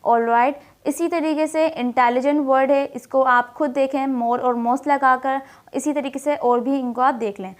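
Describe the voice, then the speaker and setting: A woman explaining a grammar lesson, asking questions and answering them herself, and reading English examples slowly. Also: sits high, fairly even intonation. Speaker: English teacher.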